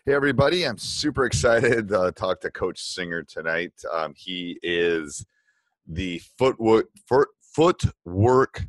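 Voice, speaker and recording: A man's voice: sits low, expressive, unhurried, dry recording. A middle-aged man hosting a podcast interview in a casual, chatty way, with many fillers and restarts. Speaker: podcast host.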